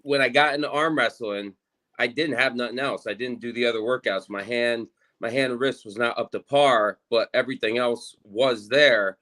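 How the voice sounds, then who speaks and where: A man chatting casually as an athlete, in a halting, repetitive way with lots of filler words. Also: medium pitch, pushed and bright. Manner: halting, repeats himself, fills with "like". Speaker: arm wrestling competitor. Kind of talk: casual chat on a live stream.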